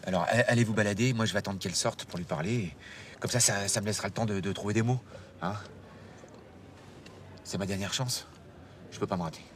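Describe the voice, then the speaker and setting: An actor playing a stammering nervous office worker. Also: male voice, lowish voice, a little fast, long pauses, slight background noise, close to an everyday voice. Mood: anxious. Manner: hesitant, stammering. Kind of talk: film comedy acting.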